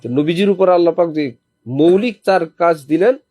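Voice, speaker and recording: In lodgings on a trip to a holy city, a man preaches to a small audience at a normal speed, his voice a little high and mellow. The dry recording captures him reciting Quranic verses as teaching examples and putting questions to those listening.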